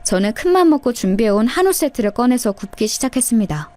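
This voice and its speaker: Brief: a woman storyteller, confiding and direct with listeners, fairly high voice. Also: sing-song, quick pace, warm tone, no echo. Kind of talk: story narration.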